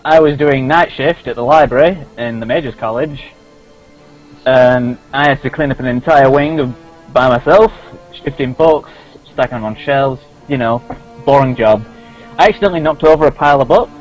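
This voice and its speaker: A man telling his character's backstory in the first person during a tabletop game. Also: medium pitch. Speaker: player. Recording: dull lo-fi recording.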